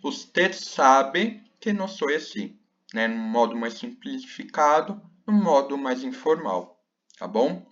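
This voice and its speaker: A man teaching a slide lesson, talking slowly with many fillers and checking questions. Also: mid-range voice, big pitch swings, a bit bright, highs cut off. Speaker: Spanish teacher.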